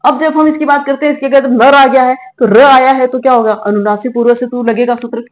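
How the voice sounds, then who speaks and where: A woman's voice: high-pitched, steady tone, a little fast. Patient middle-aged woman teaching grammar. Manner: patient, explanatory, checks in with "ठीक है" and "है ना". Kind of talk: classroom-style grammar lesson.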